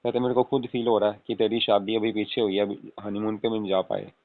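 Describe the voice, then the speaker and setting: This lightly acted call has a man in the role of a doting young husband talking to his spouse late at night. His delivery is flat, quick and lowish as he reassures and explains, coaxing throughout and repeatedly asking for agreement with tag questions; the audio is tinny with room echo.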